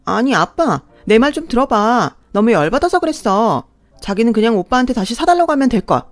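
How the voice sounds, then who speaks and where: A woman's voice: fairly high pitch, big pitch swings, brisk, dry recording, voice pushed up. A woman voicing a spoiled young sister-in-law who talks in a mocking, entitled tone in a radio drama. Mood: whiny.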